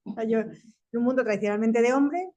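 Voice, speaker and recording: An animated woman in her fifties with a Spanish accent, talking on a panel discussion. She speaks quickly, restarts her sentences and laughs often, in a voice pitched a little high. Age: 50s. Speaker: panel speaker, tech company executive.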